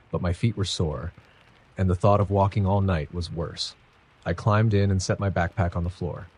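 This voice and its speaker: Low, husky male narrator for somber scripted first-person horror audiobook. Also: darkish tone.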